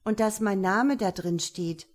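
A woman's voice: mid-range voice, a little slow, natural voice. A woman reading an audiobook, voicing a naive young woman who pipes and whines. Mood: whiny. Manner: piping, whiny.

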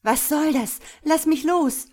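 A woman's voice: takes it slowly, darkish tone. A woman reading a storybook voices a frightened young woman who pleads and shrieks at a reckless driver. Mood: panicked. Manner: shrill, pleading, near screaming. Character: panicked young woman passenger, fearful.

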